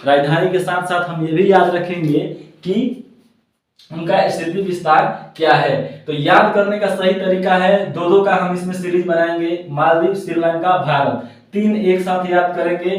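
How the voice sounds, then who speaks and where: A man teaches geography from a map with a rather high voice. He says every point twice and recites lists in a sing-song chant. The sound is very roomy and echoey, and he stands a little away from the mic. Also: distant mic. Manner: repeats each point twice. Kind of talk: classroom-style map lesson.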